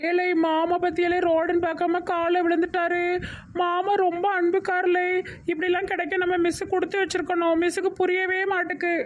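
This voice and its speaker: A woman voicing a gossipy, sharp-tongued schoolkid in a cartoon, with a Tirunelveli Tamil accent. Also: extremely high pitch, monotone, brisk, dull audio. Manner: gossipy, scolding.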